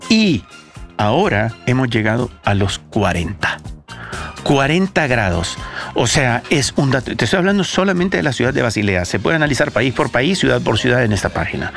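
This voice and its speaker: With big pitch swings in a mid-range, creaky, fairly bright voice, the Salvadoran host talks at normal speed on a casual radio-style show with co-hosts. He speaks emphatically in his Salvadoran accent, repeating phrases for stress, as background music plays behind him.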